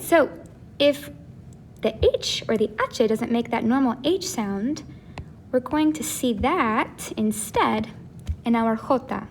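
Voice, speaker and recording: A woman teaching a casual video lesson, who explains slowly and repeats each sound. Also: on the high side, slight background noise. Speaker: Spanish teacher.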